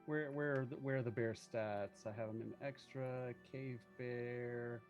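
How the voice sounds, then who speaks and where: A man's voice: medium pitch, steady tone, a little slow, faint music behind. A man chatting casually as a tabletop game player, joking and muttering through his numbers.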